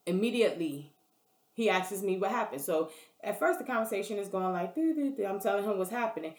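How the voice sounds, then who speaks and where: A woman's voice: mid-range voice, expressive, fairly quick, a little mellow. A woman telling a story in a blunt, profane, casual rant, often checking in with the listener. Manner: blunt, profane, keeps asking "you know what I mean". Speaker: vlogger. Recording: roomy echo.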